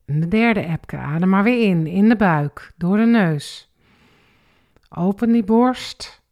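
A woman calmly guiding a relaxation and breathing exercise step by step, counting the breaths. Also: mid-range voice. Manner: slow, calm step-by-step guidance with counted breaths. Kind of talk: guided exercise instruction.

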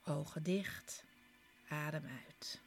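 Soft, breathy, low-voiced woman guiding relaxation. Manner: slow, short instructions with pauses. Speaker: relaxation exercise instructor. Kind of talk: soft, soothing guided relaxation with breathy, part-whispered delivery. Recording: clear background music. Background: relaxation music.

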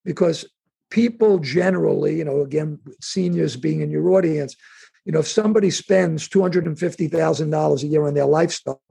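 A middle-aged man with a New York accent, a guest answering interview questions in a halting, chatty way with many restarts. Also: fairly high pitch, vocal fry, warm tone, husky. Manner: halting restarts, conversational, acts out imagined speakers. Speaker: insurance and wealth planning executive, guest.

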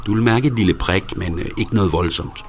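Man doing a chill friendly paramedic, deep voice, talks you down. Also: slight background noise, natural voice. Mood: reassuring. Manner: pleasant, reassuring tone. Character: calm, friendly male paramedic.

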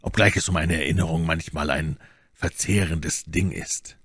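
A stern, coldly menacing nobleman speaks slowly and quietly in a very low, husky voice, as read by a male narrator. The audiobook recording is dry and close. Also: fairly even intonation, dry recording, full character voice. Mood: accusing. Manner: slow, measured, threatening. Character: stern cold nobleman, adult, menacing calm. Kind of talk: audiobook character voice.

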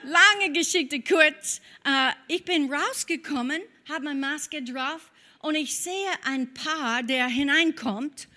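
A woman from Kentucky, preaching a sermon and telling a personal story with lively storytelling and prayer in tongues. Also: high-pitched, slow pace. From Kentucky, USA.

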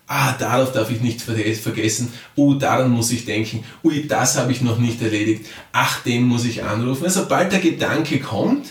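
Brief: male coach talking straight to the listener, mid pitch, set back from the mic in a roomy space. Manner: addresses listener directly, often checks in with "ja?". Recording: roomy sound, mic at a distance.

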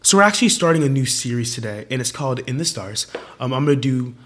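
This young man hosts a relaxed chat show, talking in an upbeat, rambling way full of fillers. His voice is worn and strained because he is losing it, and it sits at an ordinary male pitch. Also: fast talker. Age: young adult. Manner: upbeat, chatty, many fillers. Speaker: podcast host. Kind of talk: casual chat.

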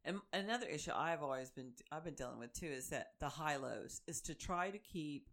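Gravelly low-voiced Oklahoma woman. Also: a little fast. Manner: animated storyteller, acts out quotes. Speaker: podcast co-host. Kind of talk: casual faith chat.

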